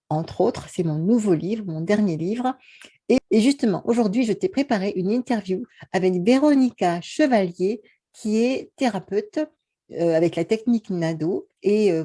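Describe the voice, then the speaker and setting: A woman coach hosting an interview over a video call, chatty and full of fillers. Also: mid-range voice. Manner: chatty, warm welcome, frequent fillers. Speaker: host and coach.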